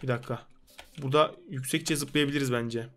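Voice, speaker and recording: A man's voice: mid-range voice, steady tone, a little fast, a bit bright, faint music behind. A young man giving rowdy, joking gameplay commentary, scolding the game characters in a put-on comic street manner. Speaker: gaming YouTuber.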